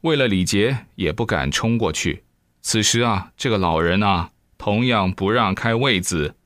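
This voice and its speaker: A man's voice: on the low side, animated, measured pace, fairly bright tone, no room sound, clean studio sound. A male preacher giving a dharma talk, telling a story animatedly with frequent exclamations.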